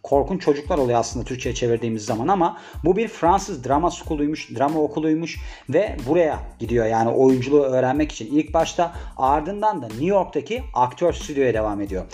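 A man's voice: medium pitch, animated, brisk, hardly any pauses, a little mellow, faint music behind. A young man talking casually and rambling through a biography video, with jokey asides and bits of talking to himself. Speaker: vlogger presenting a celebrity biography. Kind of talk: casual chatty monologue.

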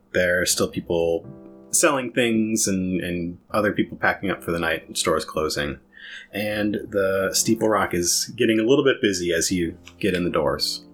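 A man with a very low voice narrates a tabletop game as its master. He moves steadily between describing the scene and explaining the rules. Soft guitar music sits faintly behind him. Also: moderate pace.

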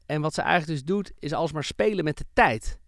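A man hosting a music podcast, leading the talk with lively, animated energy. His voice sits a little high, and the studio sound is dry and close. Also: brisk, vocal fry, no echo. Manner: lively, animated host who leads the talk. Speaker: podcast host. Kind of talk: casual music podcast chat. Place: recording studio.

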